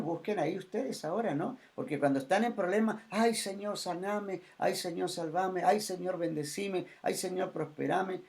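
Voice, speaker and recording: A man preaching a sermon as pastor, emphatic and repetitive, swinging between loud and soft. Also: on the high side, vocal fry.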